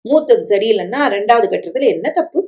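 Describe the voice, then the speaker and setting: A woman's voice: a little high, lively intonation, quick pace, dark tone, close to an everyday voice. Pushy wheedling stepmother, read by a woman. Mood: coaxing. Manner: coaxing, pleading, guilt-tripping. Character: scheming middle-aged stepmother, wheedling and pushy. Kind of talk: story reading with dialogue.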